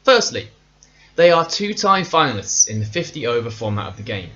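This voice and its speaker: A man's voice: medium pitch, sing-song, brisk, fairly bright tone, dull audio. Chatty man hosting a podcast. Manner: chatty, playful and self-mocking. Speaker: podcast host. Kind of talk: casual solo cricket podcast.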